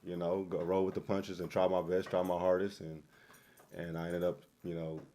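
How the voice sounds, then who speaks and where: A young man, a former quarterback, telling stories in a relaxed casual interview. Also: sits low, moderate pace, a little hiss or hum. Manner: relaxed storytelling with fillers and laughs.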